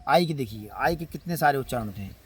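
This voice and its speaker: A man's voice: medium pitch, expressive, breathy edge. A man with an Indian Hindi accent teaching English letter sounds, repeating example words one by one. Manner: slow, drawn-out word-by-word pronunciation drills. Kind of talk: spoken phonics lesson.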